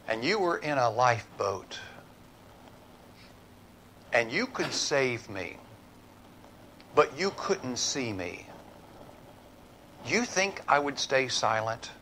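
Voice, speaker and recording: A middle-aged man preaching a church sermon, building to emphatic points and dropping to a hushed altar call. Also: medium pitch, a little hiss or hum, rough recording. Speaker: pastor. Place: church sanctuary.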